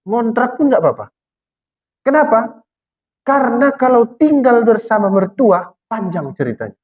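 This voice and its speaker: In a dull, lo-fi recording, a man with a high-sitting, somewhat dark voice preaches on Quranic exegesis. He poses questions to the congregation, supplies the answers himself, and slows considerably to recite verses.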